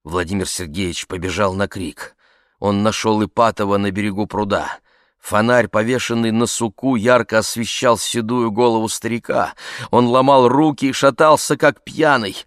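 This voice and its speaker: Чтец-мужчина, драматичное размеренное чтение, без эха. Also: male voice, fairly low pitch, fairly even intonation, normal speed, dry recording, clean studio sound. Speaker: audiobook narrator. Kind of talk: scripted narration.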